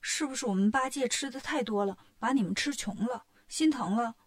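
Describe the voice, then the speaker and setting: A woman's voice: a little high, a little fast, close to an everyday voice. A woman voicing a boastful, cheeky male monkey king who talks brashly and teases. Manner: brash, bragging and teasing.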